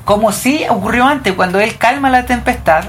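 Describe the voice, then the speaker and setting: A woman with a fairly high voice speaks at a normal pace over a slight hiss or hum. She leads a group Bible study, explaining scripture, reading verses aloud, and putting questions to the group.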